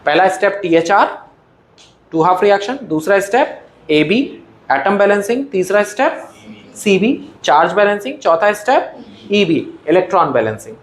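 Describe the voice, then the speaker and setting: A man's voice: sits high, big pitch swings, normal speed. A male chemistry teacher giving a classroom lecture, addressing students as "beta" and asking and then answering his own questions. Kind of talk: classroom lecture in Hindi-English mix. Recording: echoey room with faint background noise.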